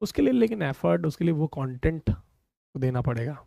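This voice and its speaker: A man's voice: fairly high pitch, big pitch swings, normal speed, vocal fry, dark tone, no room sound. A man teaching a physics class online, calling students "beta" and explaining step by step in a conversational way.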